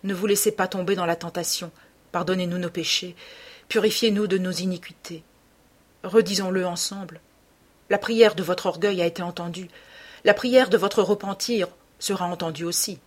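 A woman's voice: lowish voice, steady tone, moderate pace, lightly acted. A woman reading an audiobook voices a distraught middle-aged male painter, speaking in an anguished, emphatic way. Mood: pleading.

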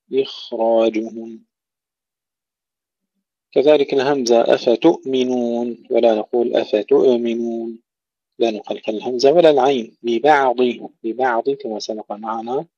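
A man teaching Quran recitation, reciting short phrases and then slowly explaining how each letter is pronounced. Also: mid-range voice, mellow, no room sound. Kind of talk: tajweed lesson with recited examples. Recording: dull lo-fi recording.

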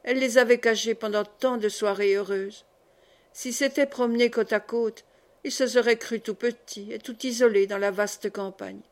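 A woman reads a nineteenth-century novel aloud in calm, measured narration. Her voice is fairly high for a woman. The delivery is gentle and even, suited to a long audiobook. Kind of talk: literary audiobook reading.

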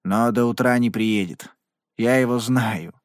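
A big, hungry cowboy gunman, grim and sullen, who speaks in short, threatening phrases, as a male narrator plays him. His voice sits at an ordinary pitch. The sound is close and dry. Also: unhurried, no room sound, lightly acted.

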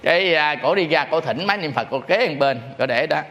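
A man's voice: on the high side, fairly quick, lo-fi sound. A man preaches as a Buddhist monk. He tells his stories animatedly, acting out the callers. His voice carries a long hall reverb. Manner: animated storyteller acting out phone calls. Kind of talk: sermon with storytelling.

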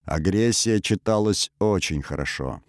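A man reading a first-person story aloud in a steady, even storytelling manner. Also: low-pitched, unhurried, no room sound, studio quality. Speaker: audiobook narrator. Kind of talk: first-person scripted narration.

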